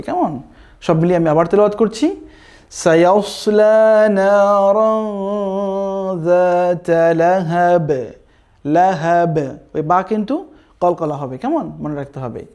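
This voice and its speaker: A man's voice: fairly high pitch, a little mellow. A man with a Bangladeshi Bengali accent teaching Quran recitation, patiently repeating sounds and checking in with his students. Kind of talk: recitation lesson with chanted examples.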